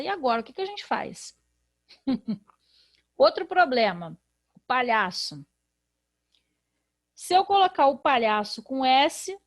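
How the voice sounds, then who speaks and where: A woman with a Brazilian Portuguese accent, a literacy teacher in a recorded video lesson who explains patiently and asks rhetorical questions. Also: high-pitched.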